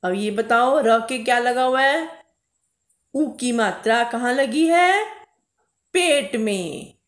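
A woman's voice: a little high, lively intonation, fairly bright tone. A woman teacher reading a Hindi lesson aloud to young children syllable by syllable, calling herself ma'am. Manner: calls herself "ma'am", addresses pupils as beta, drawn-out vowels. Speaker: primary school Hindi teacher. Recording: echoey room.

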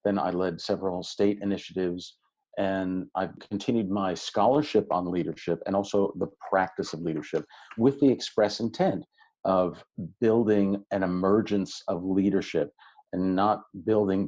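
A man over sixty with a low, mellow voice talks as a podcast guest. He speaks in a relaxed, welcoming and articulate way, with a few fillers, as he answers at length. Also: moderate pace, dull audio. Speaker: podcast guest, education researcher. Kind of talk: reflective interview answers.

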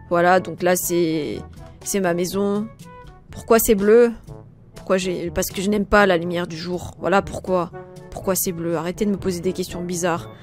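Woman acting a low-voiced sullen young loner. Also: natural voice. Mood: sullen, defensive. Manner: offhand, grumbling, colloquial. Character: sullen, blunt, shady young woman contestant, gloomy loner. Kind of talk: mockumentary comedy role-play.

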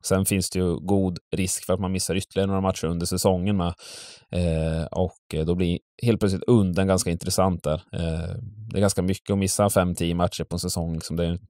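A man's voice: low voice, level tone, mellow, dry recording, clean studio sound. A man talking casually through hockey betting tips, full of hesitations and restarts. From Sweden. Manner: hesitant, many fillers and restarts. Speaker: betting tipster host. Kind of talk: casual sports betting talk.

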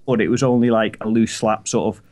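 A man's voice: lowish voice, steady tone, darkish tone. A man co-hosting a podcast, chatting casually about football and often ending on tag questions. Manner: quick, tag questions like "wasn't it?". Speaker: podcast co-host.

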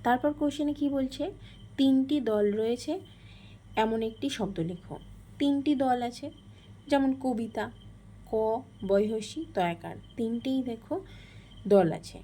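A woman's voice: on the high side, a little slow, pauses often, mellow, slight background noise. Woman teaching a grammar lesson. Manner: explains step by step, often asking and answering questions.

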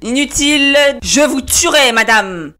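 A cruel, menacing husband barks cold orders in a fairly high voice, as a woman storyteller plays him. He speaks slowly and deliberately, with faint music behind. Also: lively intonation.

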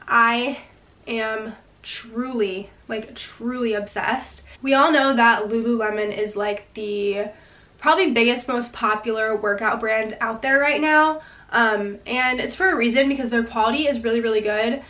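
A woman's voice: on the high side, measured pace, a bit bright. Stuffy-voiced woman vlogging in an echoey room. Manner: chatty, says "like" a lot, enthusiastic. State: stuffy, recovering from illness. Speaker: lifestyle vlogger. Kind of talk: casual chat to camera. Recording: roomy echo, mic at a distance.

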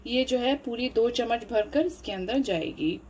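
A woman narrates a home cooking demonstration in a slightly high voice. She moves unhurriedly from step to step, padding her sentences with fillers. A faint room hum sits under the recording. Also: darkish tone, low-quality recording. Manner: unhurried, explains each step with many fillers. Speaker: cooking channel host.

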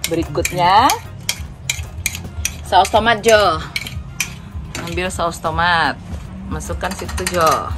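Teasing mom directing a kitchen. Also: female voice, fairly low pitch, slow pace, long pauses, background noise. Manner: playful, teasing, bossy directions. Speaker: mother guiding kids through cooking. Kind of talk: casual instructional cooking chat. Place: home kitchen.

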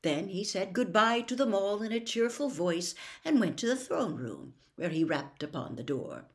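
An older woman reading a classic novel aloud at home, expressive and animated. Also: mid-range voice, normal speed. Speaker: storyteller. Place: home room with bookshelves. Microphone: webcam close up.

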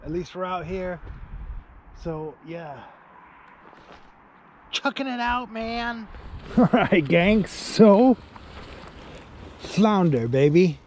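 Drawing out his words and leaving long pauses, a high-voiced angler in his forties vlogs casually on a riverbank into an action camera, held close or set nearby. The low-quality recording picks up outdoor wind and ambient noise. He's laid-back, full of "man" and "dude," and gets excitable when he lands a fish.

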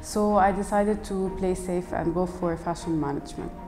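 Speaking at a normal pace with fairly even intonation, this lowish-voiced student from Lebanon, in her early twenties, gives an interview testimonial. The setting is indoors before a plain wall and banner, and the reverberant hall carries clear music underneath.

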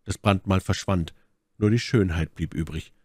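A man reading a classic novel aloud as audiobook narration, in an expressive, theatrical manner. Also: low voice, normal speed, husky, no echo, studio quality. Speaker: audiobook reader.

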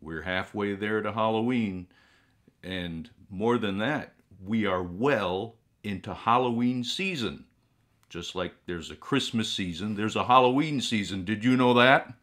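A middle-aged man playing a ghoulish horror host, speaking in a drolly morbid, theatrical, drawn-out manner. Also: lowish voice, a bit bright. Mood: droll. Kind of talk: comic horror-host monologue to viewers. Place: small indoor room with collectible shelves.

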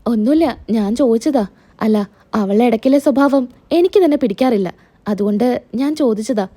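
A woman's voice: fairly high pitch, brisk, mellow, lightly acted. A woman voicing a caring middle-aged mother-in-law in a spoken serial recap, talking in a soothing, reassuring way. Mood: concerned.

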